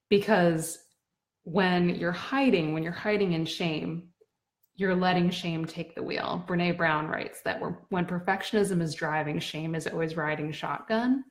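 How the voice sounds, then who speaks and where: Woman, 30s, slightly low pitch, earnest reflective storyteller. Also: darkish tone. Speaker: blogger sharing a personal story. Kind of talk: reflective personal talk to camera.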